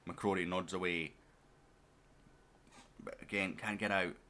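A man's voice: low-pitched, fairly even intonation, unhurried, sharp tone. A man giving casual let's-play commentary as a gaming YouTuber, chatting straight to his viewers and to his players.

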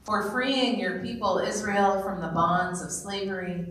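A woman presiding minister leading a church liturgy, speaking prayers and chanting the sung parts in a slow, sustained line, with a cathedral echo. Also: mid-range voice, steady tone, a bit bright, distant mic. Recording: very echoey church, faint music behind.

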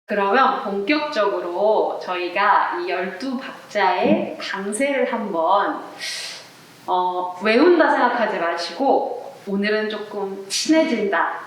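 A woman's voice: medium pitch, expressive, slow pace, recorded from a distance. A woman teaching a flamenco rhythm class to viewers, talking in a friendly way and counting beats aloud while seated indoors. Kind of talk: online arts class lesson. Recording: very echoey room, voice off-mic.

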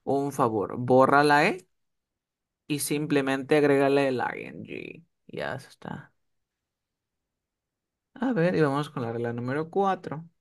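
A man's voice: medium pitch, big pitch swings, takes it slowly, creaky, long pauses. A man teaching English one-on-one over a video call, often checking that his student is following. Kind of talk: one-on-one online tutoring.

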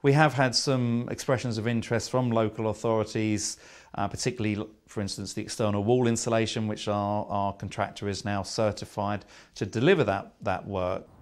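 A man's voice: lowish voice, fairly even intonation, fairly quick. A man with an English accent, a housing association manager, speaking in a documentary interview with hesitant, repeated words.

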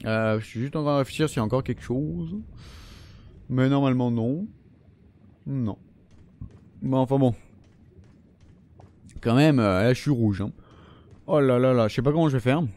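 A man's voice: mid-range voice, moderate pace, pauses often, darkish tone, slight background noise. A young man giving let's play commentary, swearing and taunting the enemies as he plays. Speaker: gaming video host. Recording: faint game gunfire underneath.

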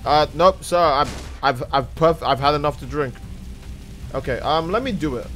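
A man streaming a video game, rambling casually, swearing and reacting loudly to what happens on screen. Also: on the high side, normal speed, soft background music. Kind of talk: casual gaming stream chat.

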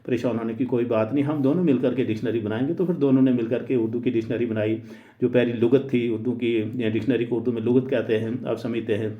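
A man teaching in a deliberate lecture, pausing often on "uh" and mixing English phrases into his speech. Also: medium pitch, warm tone. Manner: deliberate, hesitant with frequent "uh" fillers. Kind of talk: explanatory lecture. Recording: roomy, dull lo-fi recording.

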